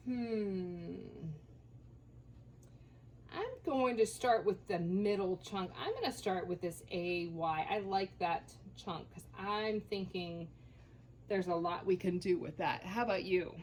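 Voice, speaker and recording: A woman teacher leading a children's phonics lesson, sounding out letters slowly and encouragingly. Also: mid-range voice, a little hiss or hum.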